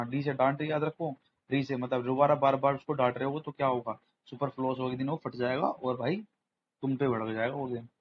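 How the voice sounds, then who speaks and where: A man runs an informal vocabulary lesson, circling back over each word and firing rhetorical questions at the viewer as he builds memory tricks. His voice sits at a middling pitch. The recording is a little dull, with a faint hiss behind it. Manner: chatty, repetitive, quizzes the viewer with rhetorical questions. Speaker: exam tutor, channel host.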